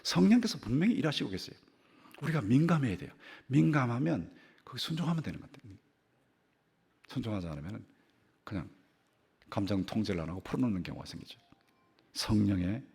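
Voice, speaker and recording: A man's voice: lowish voice, creaky, slightly rough. An older man preaching a sermon as a church pastor, telling a story with repeated phrases and sudden rises and drops in his voice. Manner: animated storytelling with repeated phrases, voice rising and dropping sharply. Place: church sanctuary.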